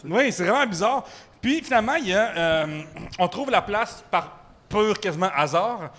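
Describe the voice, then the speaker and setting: A man with a Québécois accent spins a rambling story in a high, bright voice. He talks in an animated way, heavy on fillers and casual slang, recorded live for a podcast. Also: normal speed. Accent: Québécois French. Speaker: guest storyteller. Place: microbrewery with live audience.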